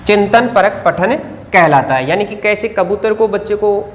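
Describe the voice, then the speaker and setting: A Hindi teacher gives an exam-prep lecture while writing on a board. The teacher asks the class questions, answers them, and dictates notes slowly word by word. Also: medium pitch. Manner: addresses viewers as friends. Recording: reverberant room with faint background noise.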